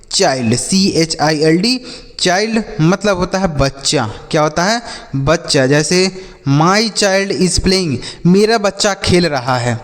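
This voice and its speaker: A man teaching English vocabulary to children, spelling each word slowly and repeating it, asking and answering his own questions. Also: fairly high pitch. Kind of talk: spoken vocabulary lesson for children. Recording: long hall reverb.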